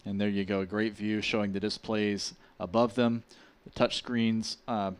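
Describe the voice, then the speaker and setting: A man giving measured, explanatory live broadcast commentary as a launch commentator. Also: lowish voice, flat delivery, clear, resonant tone.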